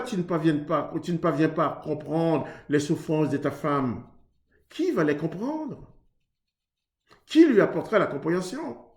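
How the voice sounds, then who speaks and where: Echoes fill the room as a Haitian man with a high-pitched voice preaches earnestly on marriage. He keeps it conversational, acting out both sides of an exchange between spouses.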